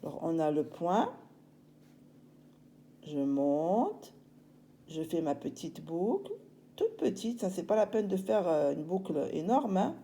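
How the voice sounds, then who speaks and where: A woman's voice: fairly low pitch, expressive, warm tone. A woman teacher, patiently walking young children through writing a letter step by step. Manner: slow, patient, step-by-step explaining. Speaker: primary school teacher. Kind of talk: handwriting lesson for children.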